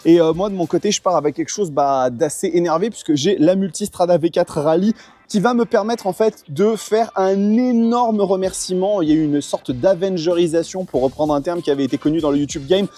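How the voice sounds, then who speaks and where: A man's voice: high-pitched, fairly quick, warm tone. A young man hosting a casual motorcycle travel vlog, chatty and full of fillers. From Portugal. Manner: chatty, lots of fillers and thanks to sponsors. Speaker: motorcycle vlogger.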